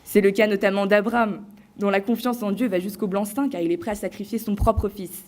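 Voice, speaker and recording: A woman on stage delivering a prepared competition speech to a live audience, theatrical and playful, with deliberate pauses. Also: mid-range voice, steady tone, darkish tone. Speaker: eloquence contest finalist.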